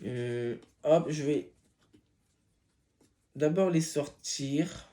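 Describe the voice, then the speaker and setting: A man's voice: on the high side, extremely slow, dark tone. A man hosting his tarot channel, chatting casually as he unboxes a deck, hesitant with many filler sounds and apologetic asides.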